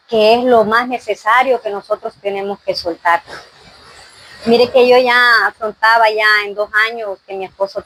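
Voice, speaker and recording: A woman's voice: medium pitch, a bit bright, no room sound, low-quality recording. A woman giving an earnest faith testimony in an interview, full of fillers and "¿verdad?".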